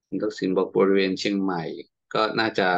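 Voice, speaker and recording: A man's voice: low voice, little pitch movement, brisk, highs cut off. A man moderating a webinar, politely reading audience questions aloud. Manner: polite, reads questions aloud with frequent polite particles.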